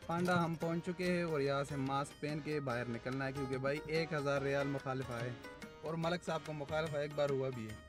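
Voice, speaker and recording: A young man talks into a phone held at arm's length, first in a car and then walking a big supermarket. His voice sits a little high. He keeps up a relaxed, joking vlog patter aimed at his friends, and steady background music plays under him throughout. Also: a little fast. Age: young adult. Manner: chatty, teasing his friends. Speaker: vlogger. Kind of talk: casual vlog narration to camera. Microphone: handheld phone at arm's length.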